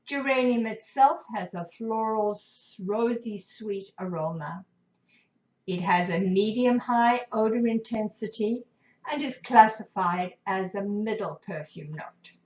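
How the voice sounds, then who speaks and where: A woman speaks in a gentle, measured way, easing through lists of scents and notes as she teaches about aromatherapy. Her pace is unhurried and slow. The sound is roomy and a little dull. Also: medium pitch. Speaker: aromatherapy presenter. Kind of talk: calm instructional talk.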